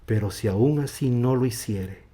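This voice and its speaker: A man preaching a sermon as pastor, swinging from loud, emphatic passages to hushed, low endings. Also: normal speed. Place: church.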